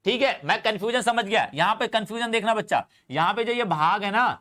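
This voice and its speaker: Guy teaching chemistry online, high voice, keeps repeating stuff and coaxing the kids. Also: brisk, bright, forceful tone. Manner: affectionate, repetitive coaxing of students. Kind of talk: online coaching class lecture.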